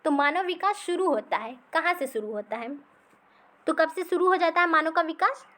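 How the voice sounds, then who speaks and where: High-pitched teacher lady going over exam questions, slow, repeats everything. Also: animated, a bit bright. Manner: explains slowly, repeats points, says "ठीक है" after nearly every line. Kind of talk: recorded exam-practice lesson.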